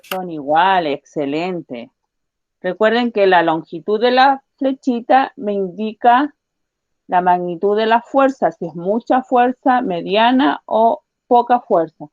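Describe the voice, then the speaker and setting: A woman teacher giving a science lesson to children, patiently repeating her questions and slowly spelling out each point. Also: medium pitch, no room sound, narrow, tinny audio. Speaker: primary school teacher.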